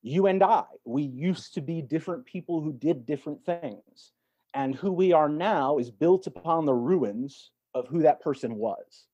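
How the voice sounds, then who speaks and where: A podcast guest with a fairly high, warm, slightly rough male voice talks in a reflective, casual way. He halts and repeats words as he works through his thoughts. The audio is dull and lo-fi.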